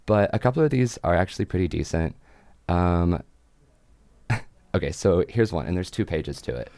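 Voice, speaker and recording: Chatty young man with a very deep voice. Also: lively intonation, normal speed, mellow, no room sound. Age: young adult. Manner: chatty, rambling, many fillers and laughs. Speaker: podcast host. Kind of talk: casual chat.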